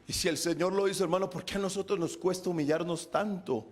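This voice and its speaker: A male pastor preaching a sermon, swinging between shouted exhortation and low, quiet pleading with the congregation. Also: steady tone, fast talker.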